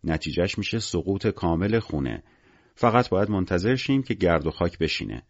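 A man's voice: deep voice, very animated, no room sound, dull audio, full character voice. A man voicing a weary, menacing gangster in an audiobook, curt and cynical in everyday speech. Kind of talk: audiobook character voice.

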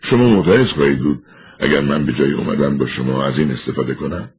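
A man voicing a weary middle-aged man who has confessed to a killing, speaking quietly and resigned. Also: a bass voice, husky. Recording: tinny narrow-band recording.

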